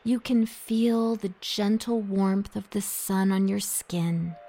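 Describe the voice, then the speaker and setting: A woman guiding a relaxation meditation in a soft, soothing voice that drops into a half-whisper. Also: medium pitch, takes it slowly. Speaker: meditation guide. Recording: soft music behind the voice.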